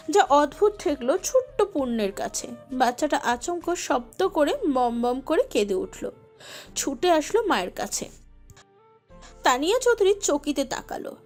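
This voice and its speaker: Expressive woman narrating a romance. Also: high-pitched. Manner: expressive, emotive storytelling. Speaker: story narrator. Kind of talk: dramatic scripted narration of a romantic audio story.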